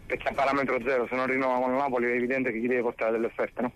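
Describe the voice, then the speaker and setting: A man's voice: mid-range voice, monotone, racing, fairly bright tone. A man reporting sports news over a phone line with spotty reception, hesitant and repeating words as he reasons. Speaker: sports correspondent.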